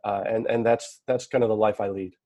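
A man's voice: fairly low pitch, fairly even intonation, fairly quick, mellow, no echo. A man in his thirties or later, introducing himself on a panel in an earnest way, with many restarts and fillers.

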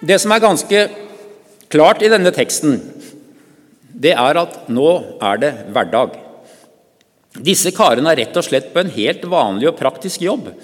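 A man preaching a sermon, retelling a Bible story in a calm, measured way with pauses. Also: fairly high pitch. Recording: church with long reverb.

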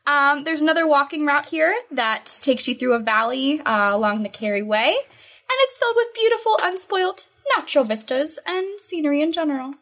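Woman podcast co-host, American, bright, higher voice, giggly casual chat. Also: animated, normal speed. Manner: chatty, giggly, stumbles over place names.

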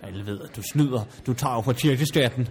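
A man voicing a pompous estate owner, haughty, indignant, stammers when flustered, mid-pitched voice. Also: a little mellow, close to an everyday voice. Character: pompous snobbish male country estate owner. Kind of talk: improvised comedy sketch.

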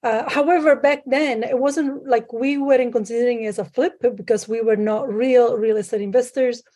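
A woman from Sicily, a guest on a call, talking through her past with many pauses and fillers. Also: fairly high pitch, steady tone, dark tone. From Sicily, Italy. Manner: hesitant, many fillers, restarts. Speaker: guest, private lender. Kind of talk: conversational interview. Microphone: remote call.

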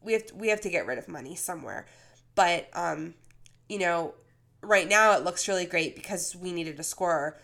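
A woman's voice: fairly low pitch, moderate pace, gravelly, a bit bright. A woman co-hosting a podcast with casual sports talk, speaking while sick with a cold. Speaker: podcast co-host.

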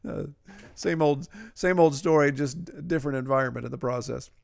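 A man with an Appalachian drawl hosts a podcast, delivering a casual, conversational monologue in a folksy, self-deprecating way. His voice is medium-pitched and gravelly, and he talks a little fast.

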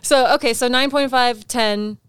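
A woman's voice: on the high side, fairly even intonation, normal speed, smooth. A woman hosting a casual chat show in a chatty, giggly manner. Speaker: show host.

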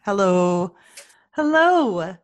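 A woman's voice: mid-range voice, big pitch swings. A woman chatting casually on a video call while her connection breaks up and her voice drops out. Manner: halting, unsure if she is heard. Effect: video call breaking up, voice dropping out.

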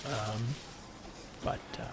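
A man's voice: slow, noisy background, close to an everyday voice. A man playing an awkward, defensive would-be children's actor who rambles and over-explains in an improvised comedy scene.

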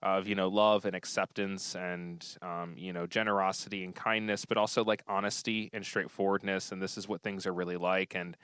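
Chatty man in his thirties, low voice. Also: level tone, a little fast, hardly any pauses, a bit bright, smooth, no echo. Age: 30s. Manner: chatty, effusive, many fillers and restarts. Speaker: podcast host. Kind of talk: casual interview chat.

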